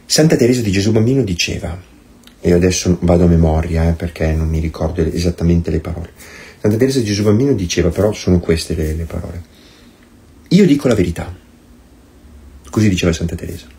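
A man's voice: low voice, quick pace, dark tone. A man giving a priest's meditation in an impassioned, sarcastic and emphatic way. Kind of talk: recorded meditation, sermon-like.

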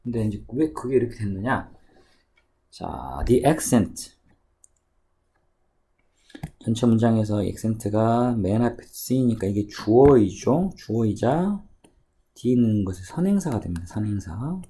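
A man teaching English at a cram school, walking through an exam passage by reading English phrases slowly and then explaining them. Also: lowish voice, animated, warm tone, husky. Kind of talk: exam passage walkthrough lecture. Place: cram school lesson recording.

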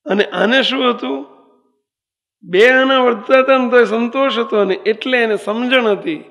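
A man's voice: very high voice, unhurried, creaky, a bit bright. A male swami giving a sermon, telling a parable and asking the audience rhetorical questions, in a temple hall. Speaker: swami preaching. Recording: long reverb of a temple hall.

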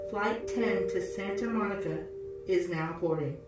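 A woman's voice: medium pitch, measured pace. A woman voicing a formal airport gate announcer, heard as a boarding announcement over the intercom. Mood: announcing. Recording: echoey distant intercom with loud music.

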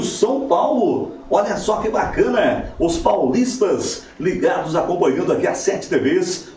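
A man in his thirties hosting a live show in a casual way, giving shout-outs. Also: high voice. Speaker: TV show host. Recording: echoey, distant mic, faint noise.

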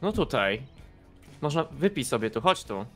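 Excitable young man gaming with laughter. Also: medium pitch, normal speed, faint music behind. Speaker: gaming YouTuber. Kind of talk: casual co-op gameplay commentary.

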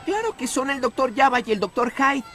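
High-voiced sensible child, Latin American accent. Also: female voice, big pitch swings, brisk. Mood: confident. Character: sensible, curious child, one of young sleuthing friends. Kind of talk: Latin American cartoon dub. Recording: music behind the voice.

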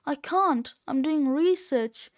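A woman plays a smug, scheming sixth-grade boy in a storybook reading. His voice is high and full of sarcastic wisecracks. He talks at a slow, measured pace.

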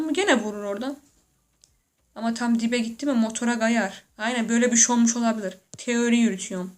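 A woman with a somewhat high voice talks through a reaction video in a loose, slangy way. She jokes and exclaims to herself between quieter musing remarks. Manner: joking, laughs often, exclaims loudly. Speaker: YouTuber reacting to photos. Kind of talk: casual reaction commentary.

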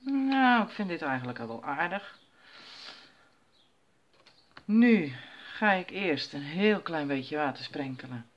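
A woman's voice: low-pitched, very animated, slow, pauses often, muffled recording. Chatty woman talking through a craft. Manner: chatty, talks herself through each step. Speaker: crafter demonstrating stamping. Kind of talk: casual crafting tutorial. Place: at home while her children sleep.

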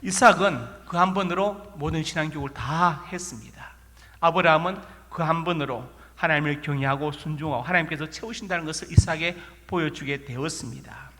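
Pitched a little high, bright and forceful, a pastor with a Korean regional dialect delivers a sermon from the pulpit at a slightly fast pace. He spins homely stories and keeps throwing rhetorical questions at the congregation, every line echoing in the sanctuary's long reverb.

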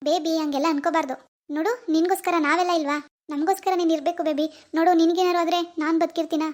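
A woman voicing a caring mother in a cartoon, gently comforting and coaxing her grieving daughter. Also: very high-pitched, fairly even intonation, rapid-fire.

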